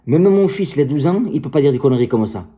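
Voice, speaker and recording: Middle-aged male coach, deep warm timbre, combative and passionate, talks straight to camera. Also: animated, fast. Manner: combative, heated, passionate, crude. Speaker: martial arts coach. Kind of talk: direct-to-camera rant.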